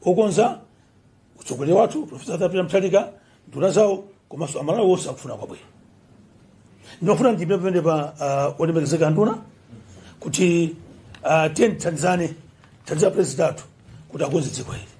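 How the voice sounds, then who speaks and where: A man's voice: a little high, lively intonation, fast, long pauses, dark tone. A man with a Malawian accent making an appeal to the public in short phrases at a political briefing. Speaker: government official. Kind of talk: political address at a press briefing.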